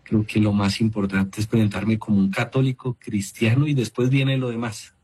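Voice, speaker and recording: A man in his thirties giving a relaxed, earnest testimony about his faith as a guest. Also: lowish voice, normal speed, slightly rough. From Colombia. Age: 30s.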